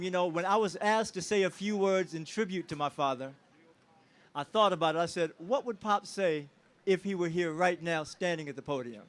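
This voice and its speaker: A man with a high voice speaks to a crowd outdoors, honoring a parent. He is emotional but rousing, and he works the audience with call-and-response questions. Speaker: family member giving a tribute speech. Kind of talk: public speech at an outdoor celebration. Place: outdoors at a street celebration.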